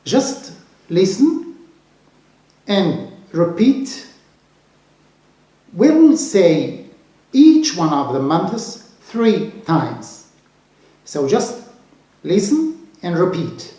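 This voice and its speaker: A man teaching English pronunciation to beginners, speaking slowly and repeating each word carefully. His native language is Arabic. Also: sits high, sing-song, warm tone. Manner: drills words slowly and repeats them. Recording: very echoey room.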